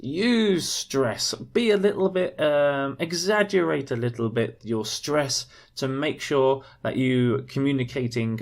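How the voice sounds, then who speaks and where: A man teaching an English exam lesson, explaining the marking step by step with examples. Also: medium pitch. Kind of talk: instructional video lesson.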